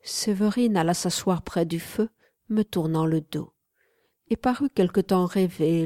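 Female audiobook narrator, calm and measured; low, warm tone, dry close recording. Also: dry recording. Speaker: audiobook reader.

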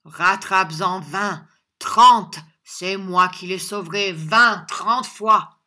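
A woman's voice: on the low side, moderate pace. A woman voicing a bluff, hot-tempered honest country man who blusters and defies his opponent in a storybook reading. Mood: defiant. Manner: loud, blustering and defiant.

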